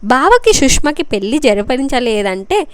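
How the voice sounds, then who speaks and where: A woman's voice: sits high, sing-song, moderate pace, clear, resonant tone, dry recording, studio quality. A woman voicing a heartbroken, self-sacrificing young woman who pleads while hiding her tears. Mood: pleading.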